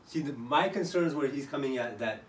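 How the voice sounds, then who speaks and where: A man's voice: mid-range voice, fairly quick. A man talking informally through game strategy as one of the team's players. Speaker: team player. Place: echoey indoor room, locker room. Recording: echoey, distant mic, faint noise.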